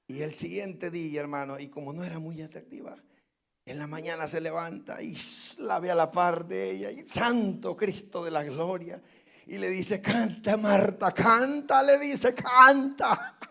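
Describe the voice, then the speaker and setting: Gravelly high-pitched preaching man. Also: fairly even intonation, normal speed. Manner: preaching with sudden loud emphasis and repeated phrases; addresses listeners as brothers. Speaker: pastor. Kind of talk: sermon.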